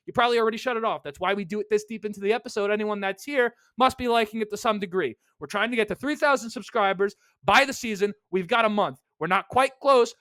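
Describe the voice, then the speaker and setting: High-voiced New man, rambling podcast host. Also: fairly bright tone, dry recording. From New York. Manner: rambling, asks rhetorical questions, self-mocking asides. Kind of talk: casual solo sports podcast talk.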